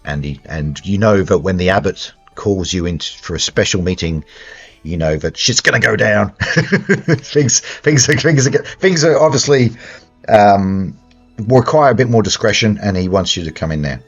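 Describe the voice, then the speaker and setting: Man running a tabletop game, low husky voice, halting delivery, dull lo-fi recording. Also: lively intonation, faint music behind. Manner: hesitant, full of restarts and ums. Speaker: game master. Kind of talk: narrating a tabletop horror game.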